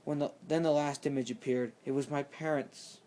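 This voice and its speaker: A man reading a horror story aloud, halting and often restarting mid-sentence. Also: medium pitch, steady tone, dark tone. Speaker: channel host reading horror stories.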